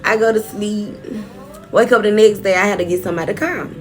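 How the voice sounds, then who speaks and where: A woman's voice: medium pitch, fast, faint music behind. A young woman vlogger telling a personal story straight to her viewers, frank and often profane.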